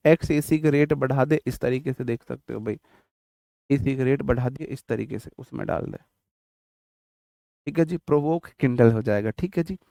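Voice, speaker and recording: A man's voice: mid-range voice, warm tone, no echo, clean studio sound. A man teaching vocabulary for exam prep in a casual, jokey way, mixing in memory tricks and stories from his childhood. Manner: chatty, jokey, tells childhood anecdotes.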